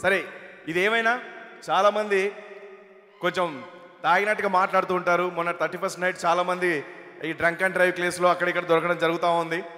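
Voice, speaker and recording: High-voiced male comedian in a hall. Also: little pitch movement, normal speed, long pauses, pushed and bright. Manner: chatty, storytelling, hyping the crowd. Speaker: mimicry comedian. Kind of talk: live stage comedy. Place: large event hall. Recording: long hall reverb.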